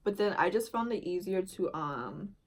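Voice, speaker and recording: A woman's voice: lowish voice, animated, moderate pace. A young woman vlogger casually telling a long personal story, rambling with lots of filler words and slang. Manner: rambling, heavy use of "like" and "dude".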